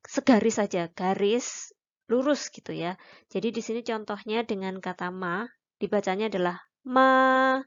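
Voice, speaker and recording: A woman's voice: medium pitch, lo-fi sound. A woman teaching a language lesson, patiently explaining and demonstrating each syllable aloud. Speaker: Mandarin teacher. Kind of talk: recorded online lesson.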